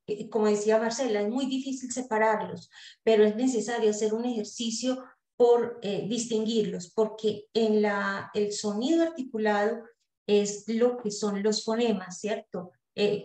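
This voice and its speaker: A woman's voice: a little high, fairly even intonation, dark tone. A woman leads a study group, explaining step by step with frequent hesitations and checking questions. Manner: deliberate, hesitant, with frequent "eh" pauses and rhetorical checks. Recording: roomy echo.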